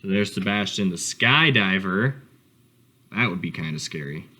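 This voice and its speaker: A man hosts a read-aloud of a picture book for children, his bright, expressive voice swinging widely in pitch at normal speed. He talks straight to the listeners in casual asides.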